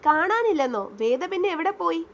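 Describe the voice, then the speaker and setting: A woman's voice: extremely high pitch, big pitch swings, moderate pace, a little hiss or hum. Woman reading as a commanding young man. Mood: urgent. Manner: commanding, forceful. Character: angry, possessive young man, Siddharth.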